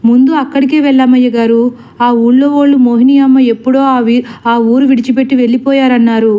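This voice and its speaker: A woman voicing a rough village servant man who shouts and stammers with fear. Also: sits high, flat delivery, brisk, close to an everyday voice. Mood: humble. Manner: loud, rustic, stammering when afraid. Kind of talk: storybook acting.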